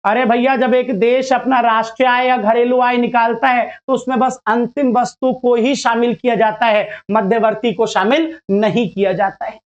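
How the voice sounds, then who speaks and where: A man's voice: very high voice, level tone, normal speed, few pauses, muffled recording. A male teacher giving a casual lecture to students, chatty and playful, acting out little dialogues as he explains.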